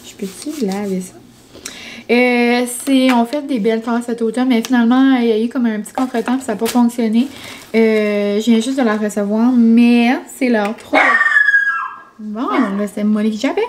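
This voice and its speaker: A woman's voice: fairly high pitch, moderate pace, a little mellow, a little hiss or hum. A young woman with a Québécois French accent chatting casually in a vlog, full of fillers like "genre" and "comme". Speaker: vlogger.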